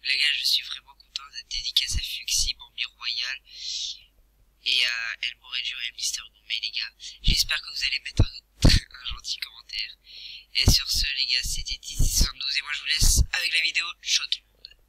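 A man hosting his own video channel, talking in a hushed, half-whispered way with lots of fillers. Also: medium pitch, steady tone, moderate pace, no echo, low-quality recording. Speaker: youtuber. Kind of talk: casual vlog intro and outro.

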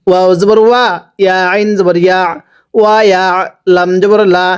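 Smooth-voiced man teaching Quran recitation. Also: sits high, fairly even intonation. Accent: Bangladeshi Bengali. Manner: slow, drawn-out recitation of syllables, with instructions in between. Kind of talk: spelling-based Quran recitation lesson.

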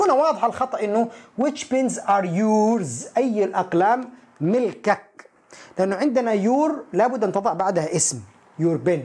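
This male grammar teacher has a high-pitched, slightly mellow voice. He works through English examples by reading them slowly and translating, then anticipates his students' questions and responds to them.

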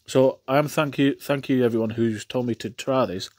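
A man's voice: mid-range voice, fairly even intonation, moderate pace. A man reviewing food in a casual vlog. He talks with his mouth full while chewing, and he rambles and repeats himself, keen on the meal. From England.

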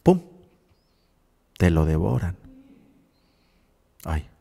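A man's voice: low voice, measured pace, warm tone, long reverb tail. A male radio host and psychologist, giving reflective spiritual talk and often checking in with his listeners. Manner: reflective, keeps asking "sí?".

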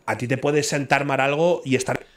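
A man's voice: mid-range voice, steady tone, moderate pace. A man from in casual chat who talks bluntly, swears freely and argues his point over and over.

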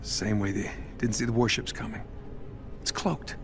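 A man playing a brisk, shrewd middle-aged inventor superhero in a video game, clipped and matter-of-fact. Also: on the low side, steady tone, creaky. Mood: brisk, focused. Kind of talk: cinematic video game acting. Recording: music under the voice.

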